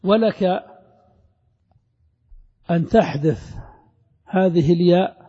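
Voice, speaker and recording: A man teaching classical Arabic grammar, reciting verse lines and examples slowly before explaining them. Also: sits high, dark tone, husky, in a large hall, highs cut off.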